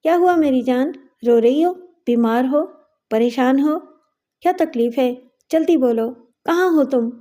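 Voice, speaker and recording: A woman's voice: sits high, mellow, lightly acted. A woman voicing an anxious, loving middle-aged mother who pleads with emotion in a raised voice. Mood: pleading.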